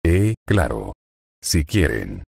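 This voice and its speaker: A man's voice: rumbling low, very animated, takes it slowly, gravelly, darkish tone, husky, dry recording, pitched below the performer's own voice, heavily acted. A man reading a fanfic aloud voices a teenage schoolboy who answers in a dry, resigned way.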